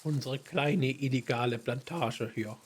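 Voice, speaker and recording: A man's voice: medium pitch, unhurried, slight background noise. A man in his thirties streaming a game, chatting casually and thanking viewers as he plays. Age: 30s. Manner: chatty, thanks chat viewers while playing. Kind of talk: casual live stream chat.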